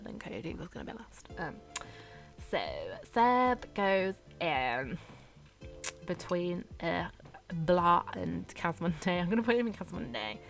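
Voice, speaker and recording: A young woman chats casually in a fairly low voice, rambling with fillers and little giggles. Faint music plays softly behind her. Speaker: YouTuber ranking characters. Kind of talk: casual chat over gameplay.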